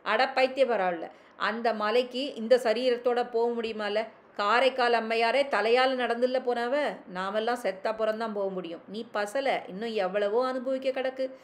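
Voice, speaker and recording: A woman voicing a kindly, talkative old village grandfather who teases and scolds gently in rural speech. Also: on the high side, measured pace, close to an everyday voice. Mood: chiding.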